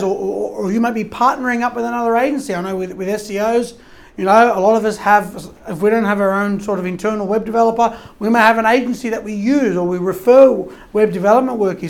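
Chatty SEO consultant explaining off the cuff, lots of restarts and "right?", voice going after long talking. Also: medium pitch. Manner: rambling, frequent restarts and tag questions. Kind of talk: informal explanatory talk.

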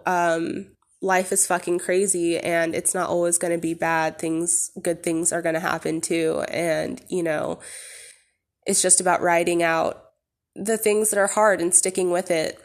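A woman talks through a personal podcast episode in a loose, rambling way, full of fillers and the odd swear word. Her voice sits a little low for a woman. She sounds candid and unscripted. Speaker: podcast host. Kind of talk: casual personal monologue.

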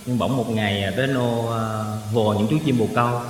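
A man's voice: mid-range voice, steady tone, brisk, slight background noise. A man, a singer guest, talking in an earnest, chatty way and stopping to correct his own word choice. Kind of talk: casual chat. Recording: roomy with long hall reverb.

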